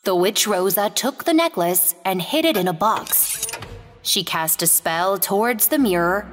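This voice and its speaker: A woman tells a children's fairy tale in a gentle, expressive read-aloud voice. She speaks slowly with a very lively pitch. A long reverb trails her words over faint background music. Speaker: storyteller. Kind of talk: scripted fairy-tale narration.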